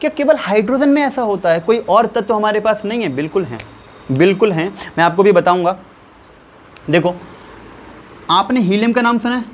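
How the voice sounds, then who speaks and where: High-voiced man teaching chemistry. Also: expressive, slight background noise. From India. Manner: repeats key terms and quizzes listeners with questions; slows down to spell out values step by step. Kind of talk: classroom chemistry lesson.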